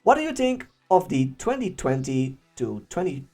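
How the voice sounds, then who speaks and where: A young man with a Dutch accent, whose first language is Dutch, hosting a casual Q&A and answering viewer questions in a chatty, animated way. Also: fairly high pitch, normal speed, soft background music. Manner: chatty and animated, laughing often. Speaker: YouTube channel host.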